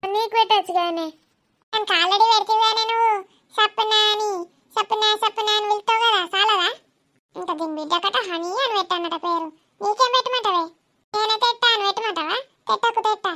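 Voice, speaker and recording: A loud, teasing village mother talks in a rustic, scolding way, as a woman acts her out in a comedy skit. Her voice sits very high. She mocks everyone around her. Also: brisk, exaggerated voice.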